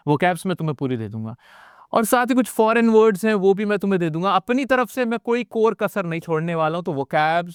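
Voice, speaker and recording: A man with an Indian accent teaches an energetic spoken English class, urging his students on and repeating lines to drive them home. His voice sits a little high for a man and sounds smooth and crisp. The recording is close and dry, with no room sound. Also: no echo. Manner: motivational, addresses students directly and repeats phrases. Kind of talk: energetic online class lecture.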